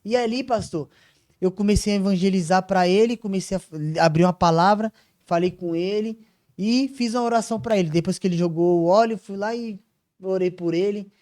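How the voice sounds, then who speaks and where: A man co-hosting a church talk show, telling a personal story with lively acted-out voices. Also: sits high, a little fast, no echo, studio quality. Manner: animated storytelling, acts out voices. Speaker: co-host. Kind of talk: casual testimony chat.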